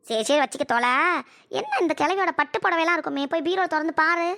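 A woman's voice: very high voice, lively intonation, fast talker, bright, forceful tone, no room sound, clean studio sound, full character voice. A woman voicing a greedy, bossy cartoon daughter-in-law. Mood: scheming. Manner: brash, scheming, bossy. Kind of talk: cartoon voice acting.

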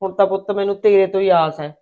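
A woman's voice: mid-range voice, fairly even intonation, quick pace, warm tone, lo-fi sound, lightly acted. A woman playing a tired, fed-up wife and mother who complains and scolds. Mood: weary. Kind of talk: village short-film acting.

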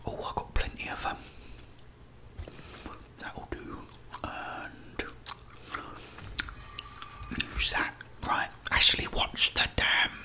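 A middle-aged Englishman hosts gaming ASMR, whispering commentary while he plays, muttering reactions and talking to the characters. He speaks slowly with frequent pauses, and his tone is sharp.

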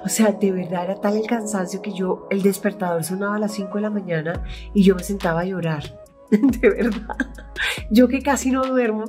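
With music in the background, a middle-aged Colombian actress from Bogotá, who hosts her own YouTube channel, speaks in a mid-range voice at normal speed. She tells rambling, chatty behind-the-scenes stories and acts out what she said back then in her own past voice.

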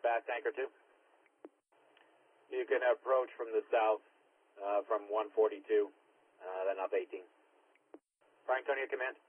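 A man dispatching fire and ambulance crews talks over a two-way radio in a clipped, procedural manner, repeating units and times. His medium-pitched voice has a rough edge. Coming through a dispatch radio mic, the sound is narrow and tinny, like a scanner feed.

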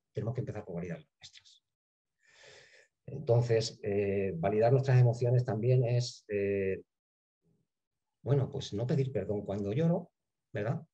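Man, middle-aged, parent trainer, mellow and husky, checks in with the audience, muffled lo-fi sound. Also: mid-range voice. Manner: lively, asks "¿sí?" and "¿vale?" often, acts out little scenes. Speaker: emotional education trainer.

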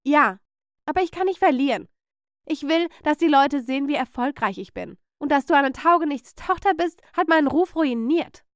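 Woman doing a shrill, bossy, shouting aunt. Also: animated, normal speed, no echo, studio quality. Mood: scolding. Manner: shouting, scolding. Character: shrill cruel middle-aged aunt, domineering mother.

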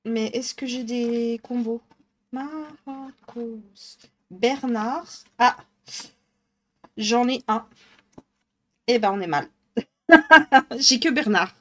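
A woman's voice: on the high side, drawn-out words, pauses often, fairly bright tone. A woman with a northern French accent streaming live, chatting casually and thinking aloud as she colours, laughing often. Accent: northern French (ch'ti).

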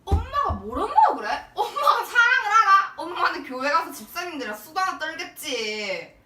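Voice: very high-pitched, sing-song, normal speed, bright, forceful tone, heavy reverb, far from the mic, full character voice. A performer playing a snippy, sulky teenage daughter who talks back to her mother. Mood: scornful.

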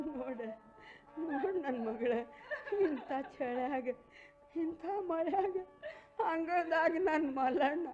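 A woman's voice: high-pitched, a little mellow. An actress playing a grieving village mother in a radio drama, wailing and tearful. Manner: wailing, tearful, slow and heavy. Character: grieving village mother Narasamma, proud of martyred son. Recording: muffled radio recording with music.

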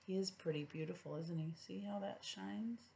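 A middle-aged woman with a lowish, creaky voice reads a children's storybook at a moderate pace. Like a preschool teacher, she turns to her young audience now and then with gentle questions.

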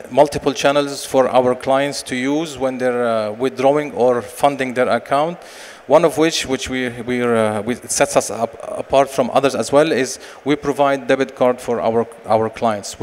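A man in his forties, a company director, giving a conference sales pitch and answering questions with many fillers and restarts into a handheld mic. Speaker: company managing director presenting. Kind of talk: conference presentation and Q&A. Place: large expo stage hall. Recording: long hall reverb, faint noise.

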